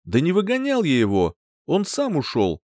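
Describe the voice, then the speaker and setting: A man's voice: a little high, wildly swooping pitch, normal speed, darkish tone, no echo, studio quality, pitched above the performer's own voice. A man doing a timid, cowed partner. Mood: dismissive. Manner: defensive, mumbling, placating. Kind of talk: audiobook character voice.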